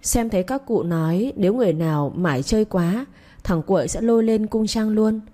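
A woman's voice: medium pitch, animated, a little fast, warm tone, pitched above the performer's own voice, close to an everyday voice. A woman voicing a naive young servant girl in a spoken story, pleading and innocent.

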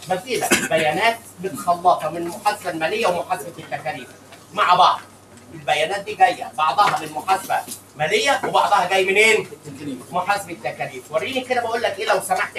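A man with an Egyptian Arabic accent giving a classroom lecture, animated and teasing, mixing English terms into his speech. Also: high voice. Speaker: accounting lecturer. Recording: echoey room miked from a distance with background noise.

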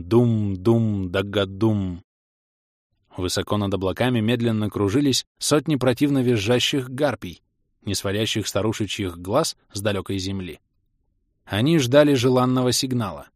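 Male fantasy audiobook narrator, mid-pitched, steady and expressive, dry studio voice-over. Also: no room sound.

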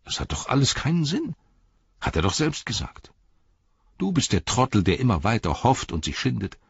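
A man voicing the gloomy, mocking inner voice of a male hobbit in an audiobook, scornful and discouraging, pitched well above his own voice. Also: sing-song, normal speed, gravelly, slightly rough, dry recording, muffled recording, heavily acted.

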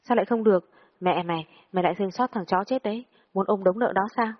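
A woman's voice: mid-range voice, fast talker, natural voice. A woman voicing a furious, foul-mouthed older female friend who scolds and swears at a younger girl in a storybook reading. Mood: scolding. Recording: dull lo-fi audio with long reverb.

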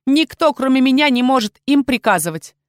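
A woman's voice: high-pitched, animated, fairly quick, no echo, studio quality, voice pushed up. Shrieking villainous dragon queen, voiced by a woman. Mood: furious. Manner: gloating, shrieking commands. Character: scheming villainous female dragon queen, shrill and cruel. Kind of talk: audiobook character reading.

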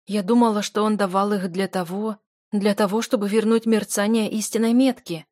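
A woman's voice: mid-range voice, little pitch movement, normal speed, dry recording, clean studio sound, close to an everyday voice. A woman reading an audiobook and voicing a young wife in grief and anger, raised and anguished. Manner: anguished, shouting. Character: young married woman, grieving and furious.

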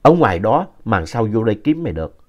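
A man's voice: fairly low pitch, big pitch swings, quick pace. A man voicing a blunt old grandfather in a spoken ghost story, with a southern Vietnamese accent. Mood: alarmed. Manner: blunt and scolding. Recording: dull lo-fi audio.

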